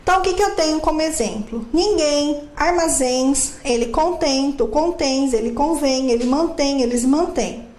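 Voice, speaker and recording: A woman's voice: high-pitched, normal speed, few pauses, a little mellow, reverberant. A woman teaching a grammar lesson, explaining step by step and asking and answering her own questions.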